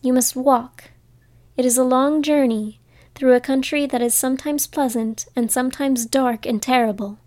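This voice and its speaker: A woman voicing a kind-hearted little old witch woman who speaks gently and motherly in a storybook reading. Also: high voice, fairly even intonation, moderate pace, dry recording, studio quality, natural voice. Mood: gentle.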